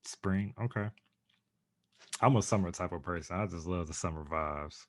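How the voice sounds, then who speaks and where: A man's voice: low voice, moderate pace. A man hosting a podcast, asking easygoing questions in casual chat. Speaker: podcast host.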